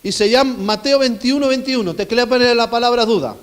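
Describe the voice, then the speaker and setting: Emphatic pastor in a reverberant hall. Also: male voice, extremely high pitch, a little fast. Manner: emphatic, rising and falling dynamically, asks the congregation questions. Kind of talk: sermon. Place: church hall.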